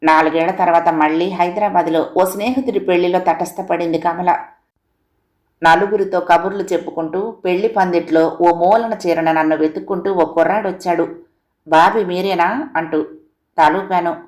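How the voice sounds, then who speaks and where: A woman with a lowish voice narrates a short story in a calm, even way. Her reading is scripted and steady. The recording carries a roomy echo. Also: normal speed.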